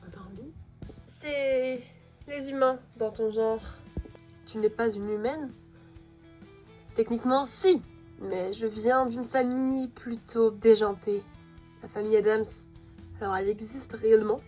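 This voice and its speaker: A woman voicing a dry, teasing gothic teenage girl who speaks in a flat, ironic way, in an amateur fan voice drama. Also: on the high side, measured pace, long pauses, soft background music, natural voice. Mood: deadpan.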